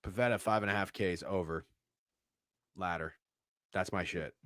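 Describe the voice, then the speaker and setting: A man co-hosting a sports betting podcast in casual chat, excitable, swearing freely and tripping over his words. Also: low voice, moderate pace, no echo, studio quality.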